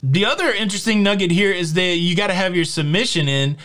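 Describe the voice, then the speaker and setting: A man in his forties talks fast in a high, bright, forceful voice as he hosts a casual news vlog. He's chatty, upbeat, and jokey, leaning on lots of fillers, and records in a home studio with shelves of collectibles.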